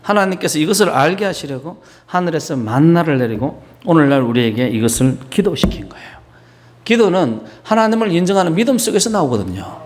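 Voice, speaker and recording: Lively high-voiced male pastor preaching. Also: brisk, a little hiss or hum. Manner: conversational preaching with asides and rhetorical questions. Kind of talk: sermon. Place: church in Beijing.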